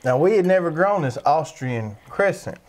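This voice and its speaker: A man's voice: a little high, lively intonation, moderate pace. A man with a Southern American accent, talking in an easygoing, rambling country way about the garden. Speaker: garden show co-host. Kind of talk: casual chat.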